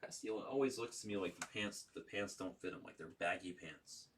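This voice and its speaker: A man with a low voice hosts a card break in a casual, running commentary style. He calls out names and numbers in short bursts. He sounds some distance from the mic, with faint noise behind him. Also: a little fast. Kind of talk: casual running commentary while opening trading cards.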